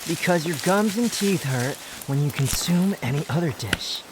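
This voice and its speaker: A man with a fairly high voice and a haughty, sardonic edge plays a youthful immortal wanderer in an intimate roleplay audio drama, theatrically scolding and teasing in a mocking mood. He speaks at normal speed in a near-everyday voice, with steady outdoor nature sounds and insects filling the noisy background.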